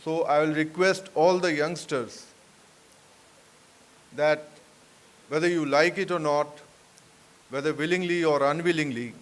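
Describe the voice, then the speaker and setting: A man with an Indian accent giving a deliberate public address as an invited speaker. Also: a little high. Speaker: institute director, invited speaker. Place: auditorium at a convention.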